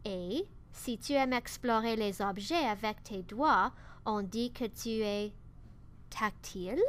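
A woman's voice: mid-range voice, slow, natural voice. A woman voicing a wise, teasing old owl who asks patient, coaxing questions.

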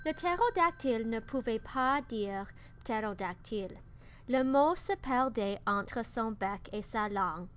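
Slow, careful woman reading a children's book. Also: fairly high pitch. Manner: slow, careful, expressive read-aloud. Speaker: storybook reader.

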